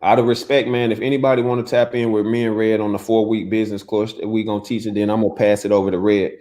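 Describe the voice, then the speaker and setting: A man's voice: lowish voice, level tone, fast talker, warm tone. A man talking casually on a livestream in slangy, direct speech, with half his mouth numb from the dentist. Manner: slangy, addresses listeners as man and bruh. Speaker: guest business coach. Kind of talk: casual impassioned livestream talk.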